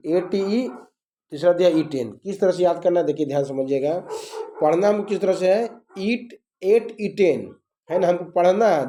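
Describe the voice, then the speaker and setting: Teacher drilling words in a bright voice. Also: male voice, high-pitched. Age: middle-aged. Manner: drills and spells words slowly, repeating each form. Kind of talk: lesson on English verb forms.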